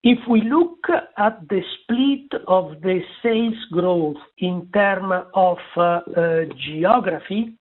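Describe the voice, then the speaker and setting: Halting man, slow and deliberate, clipped tinny phone line. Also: sits high. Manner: halting, many filler sounds. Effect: clipped, dropping phone line. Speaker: company executive answering analysts. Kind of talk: earnings conference call.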